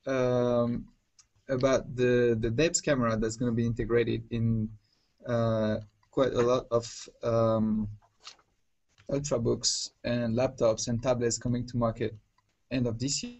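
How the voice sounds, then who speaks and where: Slow, halting male presenter. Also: mid-range voice, little pitch movement, a little mellow. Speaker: technical presenter. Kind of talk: unscripted technical presentation.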